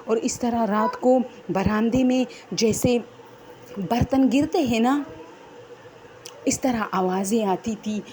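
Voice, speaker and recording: A woman's voice: fairly high pitch, pauses often, darkish tone, slight background noise. A woman telling her own horror story in a rambling, unscripted, conversational way.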